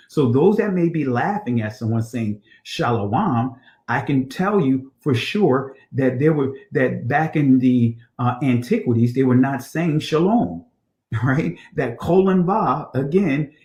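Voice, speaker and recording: A man teaching from slides in a conversational way, often checking in with "right?" and pausing on fillers. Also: mid-range voice, mellow. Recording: roomy echo.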